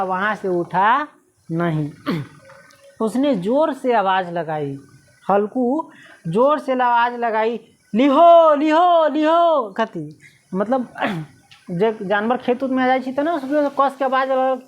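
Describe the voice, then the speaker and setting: A woman's voice: on the high side, takes it slowly. A woman teacher. She explains a Hindi story lesson, reading each line and then retelling it in local dialect, often asking "है ना?".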